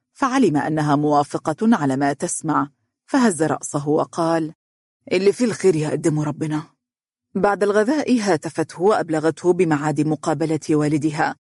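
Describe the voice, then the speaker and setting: A man narrating an audio story with an Egyptian accent, in a steady, even delivery. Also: on the high side, no room sound, clean studio sound. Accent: Egyptian Arabic.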